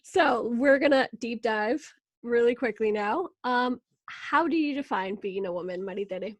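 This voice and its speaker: A woman's voice: a little high, a little slow, no echo. A woman from Venezuela hosting a podcast interview, bubbly and laughing often in casual chat. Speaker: podcast host.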